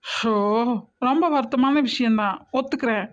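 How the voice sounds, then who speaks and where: Woman voicing a bossy scolding auntie type in a cartoon drama, kinda high voice, a bit muffled sound. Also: normal speed, close to an everyday voice. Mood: reasoning. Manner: scolding and emphatic, with many rhetorical questions. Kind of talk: cartoon family drama voice acting. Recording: slightly muffled recording.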